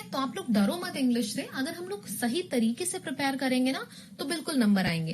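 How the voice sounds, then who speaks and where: A woman's voice: a little high, a little hiss or hum. A woman teaching English in a recorded online exam-prep lesson. She explains rules with memory tricks and keeps asking her students questions.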